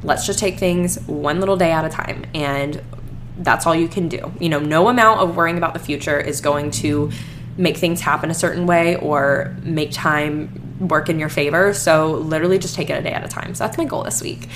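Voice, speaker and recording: A woman's voice: low voice, normal speed, background noise. A young woman, rambling casually on her own podcast with lots of "like" fillers and restarts. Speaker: podcast host. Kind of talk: casual solo podcast chat.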